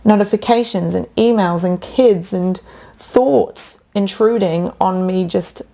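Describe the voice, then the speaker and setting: A woman health coach talking casually on a podcast, acting out the inner voices of her clients with animated turns. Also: mid-range voice, takes it slowly, gravelly.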